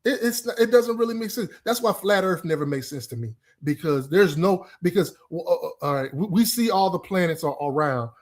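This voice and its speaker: A man's voice: high-pitched, animated, fairly quick, hardly any pauses. A man in casual chat, insistent, who stumbles over repeated words.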